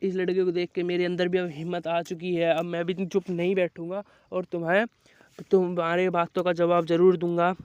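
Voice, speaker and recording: A man's voice: high-pitched, darkish tone, smooth, dry recording. A man casually retelling a film's plot, rambling with fillers and placeholder words. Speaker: movie plot narrator. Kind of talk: casual movie recap storytelling. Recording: dull lo-fi mic, dry.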